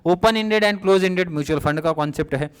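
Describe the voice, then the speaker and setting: A young male teacher talks through exam revision in a relaxed, chatty way, stopping often to check that his students are following. His voice sits a little high for a man. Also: a little fast, smooth. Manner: casual, repeatedly checks understanding with students.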